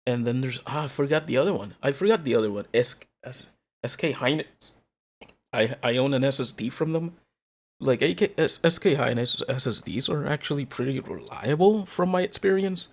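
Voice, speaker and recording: A man's voice: medium pitch, expressive, normal speed. Exasperated man on an escalating, sweary rant. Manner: casual, heavily profane talk. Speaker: host of a solo rant show. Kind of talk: unscripted, rambling rant.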